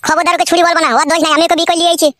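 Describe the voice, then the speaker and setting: A woman's voice: very high-pitched, flat delivery, very fast, a bit bright, no room sound, voice pushed down. A woman voicing a foul-mouthed, defiant young village husband in a comedy cartoon. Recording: noisy recording.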